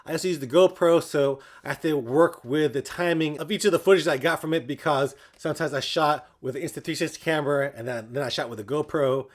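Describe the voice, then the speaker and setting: A man's voice: on the high side, quick pace, hardly any pauses. A man chatting casually to his viewers as a running vlogger. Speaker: running vlogger and channel host.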